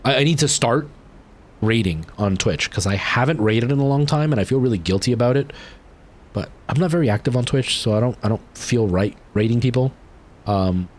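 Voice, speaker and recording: A young man ends a game stream by chatting casually with his viewers. He rambles, leaning on fillers and restarts, and his voice jumps up when he gets excited.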